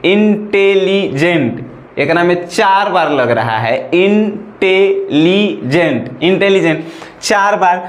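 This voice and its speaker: Slow high-voiced Bhojpuri teacher. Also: male voice, lively intonation, roomy sound. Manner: repetitive, checks in with "right or not?". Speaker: English grammar teacher. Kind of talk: classroom-style lesson.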